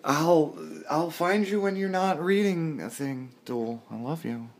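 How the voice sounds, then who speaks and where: Standing outdoors beside a road, a man vlogs casually to the camera in a rambling, intense, self-deprecating style. His voice is a little high and unhurried.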